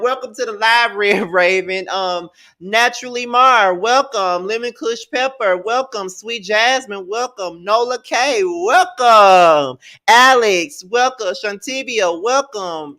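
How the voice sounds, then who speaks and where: A man, hosting a live-stream review in a sassy, playful and animated way. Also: high voice. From Mississippi, US. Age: 30s. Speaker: livestream host.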